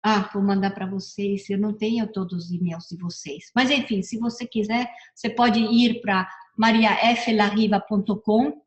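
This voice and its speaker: A woman's voice: medium pitch, steady tone, normal speed, hardly any pauses. A middle-aged woman giving a casual motivational talk, chatty, often repeating and correcting herself. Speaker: personal development speaker. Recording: echoey room.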